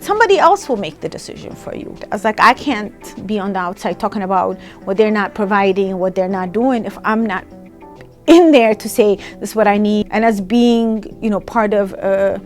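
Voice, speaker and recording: A woman from Ethiopia, a programs director, speaking emphatically about community work and often adding tag questions. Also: mid-range voice. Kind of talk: interview-style testimonial.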